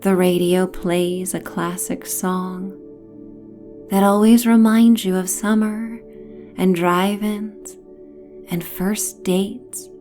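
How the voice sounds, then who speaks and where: A sleep-story narrator and host leads a bedtime visualization at a very slow, hypnotic pace. Her mellow, relaxed voice is medium in pitch, and her gentle phrases fade toward a breathy whisper. Faint soft music plays behind her.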